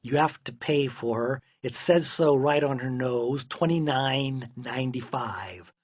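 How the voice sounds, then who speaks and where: A man's voice: mid-range voice, a little slow, breathy edge. A man playing a stubborn, blunt store cashier in a children's story. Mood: insistent.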